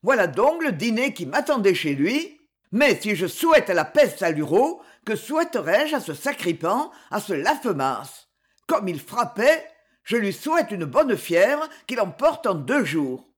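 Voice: mid-range voice, very animated, a little slow, slightly rough. A reader voicing a hapless, indignant male squire in an audiobook, protesting and wailing. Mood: grumbling. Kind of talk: audiobook character voice.

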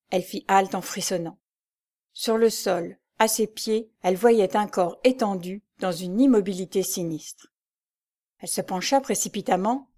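A woman narrating an old serialized novel in a measured, suspenseful audiobook reading. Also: medium pitch, dark tone.

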